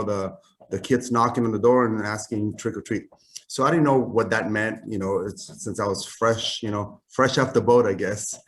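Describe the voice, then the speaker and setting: A man in his fifties from Chile, a native Spanish speaker, telling his life story in a casual video-call interview, rambling with many fillers and restarts. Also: mid-range voice. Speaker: guest, custom clothing company founder.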